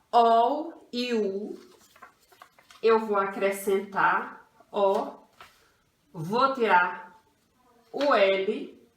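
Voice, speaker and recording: Brazilian female primary teacher, unhurried and repetitive delivery, recorded in a roomy space from a distance. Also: medium pitch, a bit bright. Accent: Brazilian Portuguese. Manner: patient, refers to herself as "tia", repeats rules slowly. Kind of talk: online grammar lesson for children. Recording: echoey room, voice from a distance.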